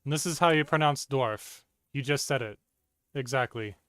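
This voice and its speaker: A man streaming a game, giving calm, patient, terse instructions. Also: mid-range voice, normal speed, dry recording.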